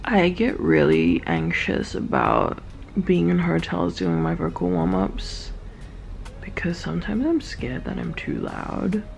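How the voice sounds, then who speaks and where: A woman's voice: fairly low pitch, huge pitch swings, a little slow, creaky, darkish tone. Chatty Australian woman vlogging. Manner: chatty, self-mocking, jokey asides. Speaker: touring singer. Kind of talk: casual vlog chat to camera.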